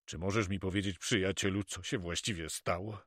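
A man voicing a loud, hot-tempered male pirate who blusters and swears by sharks in an audiobook. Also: deep voice, fairly even intonation, brisk, no room sound, clean studio sound. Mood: aggrieved. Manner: blustering, shouts sea-themed curses. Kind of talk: audiobook character voice.

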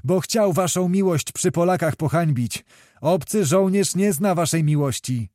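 A man playing a loyal officer addressing his superior with deference, earnest and eager to explain. The voice sits a little high and speaks up. The recording is dry and close. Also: a little slow, darkish tone, no echo, close to an everyday voice.

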